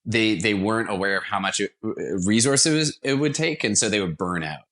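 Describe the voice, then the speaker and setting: A theater company founder from Washington, D.C., gives earnest, conversational answers as an interview guest. His voice is fairly low and a bit bright at a moderate pace, and he repeats words for emphasis.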